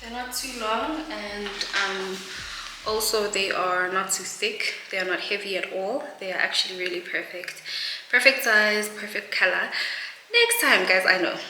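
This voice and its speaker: A woman's voice: mid-range voice, unhurried, sharp tone. Brief: young South African woman, casual vlog talk, echoey room, noticeable noise behind. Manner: chatty, laughs often, mixes in Zulu words. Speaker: realtor vlogger.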